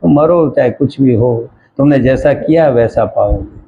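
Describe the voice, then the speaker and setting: A man's voice: medium pitch, a little slow, phone-quality sound, slight background noise, natural voice. A man voicing a simple, innocent male camel in a fable, speaking plainly and earnestly. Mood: stern.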